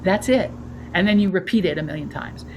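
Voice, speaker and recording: Woman, dog trainer, casual explainer, lowish voice, audible background noise. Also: a little fast. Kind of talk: webinar presentation.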